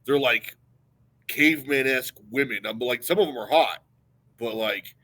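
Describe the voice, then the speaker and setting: A man's voice: medium pitch, moderate pace, sharp tone. A man co-hosting a podcast, teasing his friend in casual crude chat and laughing often. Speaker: podcast co-host.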